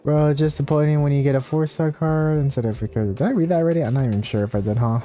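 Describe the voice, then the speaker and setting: Streaming a video game live, a man with a fairly high, warm voice talks fast, chatting casually and rambling as he thinks aloud. He also reads game text aloud, with game music in the background.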